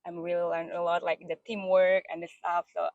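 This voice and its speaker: Woman, indonesian accent, twenties, lowish voice, muffled dry recording. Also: monotone, fairly quick, no room sound. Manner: chatty, frequent likes, non-native grammar. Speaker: master's student. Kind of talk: casual interview answers.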